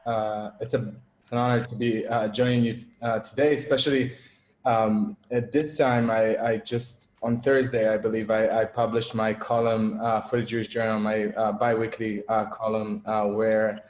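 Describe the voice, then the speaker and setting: A man's voice: fairly low pitch, flat delivery, normal speed, reverberant. A young man from Israel giving an online talk as guest speaker, hesitant, with many fillers and restarts.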